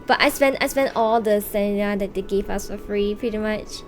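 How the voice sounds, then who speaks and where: Brisk and medium-pitched, a woman live game streamer chats playfully and casually with viewers. She mixes in gamer slang and the occasional swear word, often thinking aloud, while the game's soundtrack plays behind her voice.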